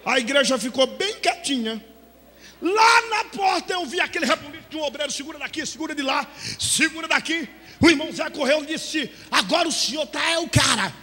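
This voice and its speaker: High-pitched shouting Pentecostal pastor in a hall. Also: male voice, expressive, brisk. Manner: shouting, dramatic, acts out dialogue, speaks in tongues. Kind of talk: Pentecostal preaching with storytelling. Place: church hall. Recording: church hall with long reverb.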